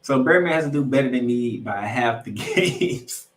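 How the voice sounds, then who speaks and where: A man of medium pitch hosts a sports podcast, announcing a football preview in an animated voice at a moderate pace. He refers to his listeners as ladies and gentlemen, and the recording sounds roomy and echoey, with him far from the mic.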